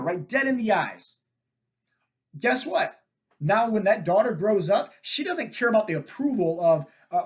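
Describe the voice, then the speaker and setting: A man with a fairly high voice hosts a fitness podcast, speaking straight to his listeners. He tells stories in a loose, energetic way and keeps checking in with "right?" and "like". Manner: energetic, talks to listeners with frequent "right?" and "like" fillers. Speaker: podcast host and fitness coach. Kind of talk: casual storytelling monologue.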